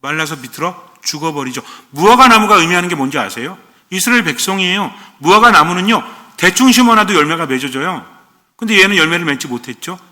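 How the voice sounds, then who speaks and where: Male priest, sermon, bright forceful tone, rather high pitch, long hall reverb. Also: expressive, quick pace. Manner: asks the congregation questions and answers them himself; acts out short quoted lines.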